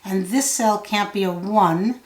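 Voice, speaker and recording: A woman giving a solve-along tutorial, thinking out loud step by step in a measured way. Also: medium pitch. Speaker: puzzle tutor. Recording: roomy, echoey sound.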